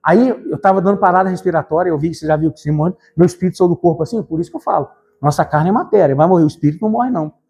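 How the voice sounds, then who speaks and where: A man preaching an evangelical sermon in church, fervent and emphatic, addressing the congregation directly and rising to shouts. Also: sits high, lively intonation, racing, creaky.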